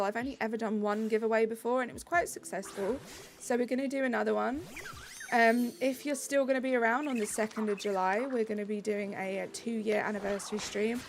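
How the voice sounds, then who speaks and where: A British woman with a voice on the high side chats casually while streaming a game, reading her viewers' messages aloud in a bubbly way. Light music plays behind her, and there's a little hiss or hum.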